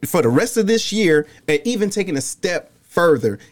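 A man's voice: sits high, very animated, moderate pace. A man co-hosting a talk show, giving emphatic, preachy advice and often asking the listener if they understand. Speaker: podcast co-host.

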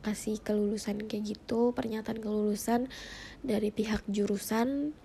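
Congested young woman, low-key and creaky. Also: steady tone, warm tone, a little hiss or hum. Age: 20s. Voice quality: congested, blocked-nose voice. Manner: informal slang, hesitant and pausing. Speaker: personal podcaster. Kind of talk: casual reflective monologue.

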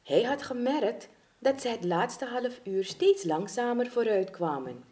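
Woman storyteller, children's story reading, slow pace, lively expressive pitch.

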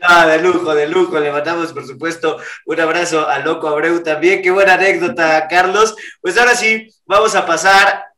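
Bright, upbeat radio host. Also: male voice, a little high, fairly even intonation, moderate pace, few pauses, reverberant. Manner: enthusiastic, upbeat praise. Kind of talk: radio interview hosting.

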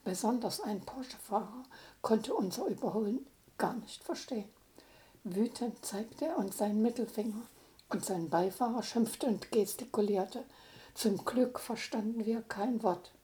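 An older woman, a grandmother, calmly reading her own story aloud. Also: on the high side. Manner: calm, unhurried storytelling.

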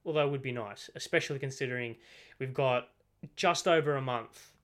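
A man's voice: medium pitch, brisk, fairly bright tone. A teenage man with a slight lisp from braces, hosting a casual solo football podcast, rambling and correcting himself as he goes. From Australia. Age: teens. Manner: rambling, self-correcting, chatty. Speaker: podcast host. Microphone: desk microphone.

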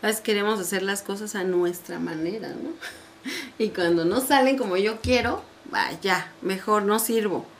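A woman's voice: mid-range voice, measured pace, slight background noise. Affirming woman co-hosting a faith podcast. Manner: affirming, agreeable, chiming in. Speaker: podcast co-host. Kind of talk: faith-based podcast conversation.

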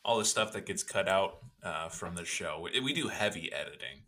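A man's voice: low voice, lively intonation, moderate pace, sharp tone. A man co-hosting a podcast, chatting casually and rambling with self-deprecating jokes. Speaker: podcast co-host. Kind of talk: casual chat.

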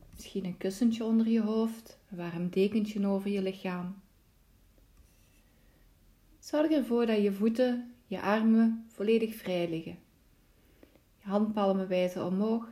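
In a medium-pitched voice, a woman acting as a yoga nidra instructor leads a guided relaxation session. She gives her instructions in a measured, calm and soothing way.

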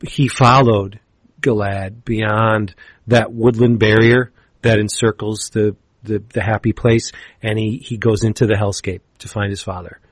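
A man co-hosting a comics podcast, retelling a story in a casual, animated way and acting out the characters' lines. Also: on the low side, a little slow, no room sound. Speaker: podcast co-host reviewing comics.

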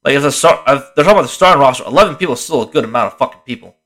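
A man's voice: medium pitch, lively intonation, rapid-fire, a bit bright. A tired young man talks through a casual solo sports podcast, rambling, swearing freely and often restarting his sentences. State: tired, yawning. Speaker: podcast host.

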